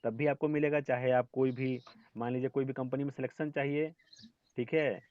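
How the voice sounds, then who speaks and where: A man's voice: mid-range voice, steady tone, a little fast, no echo, lo-fi sound. Hindi-speaking man teaching an online class. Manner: explains step by step, asks "ठीक है?" often, scolds students gently.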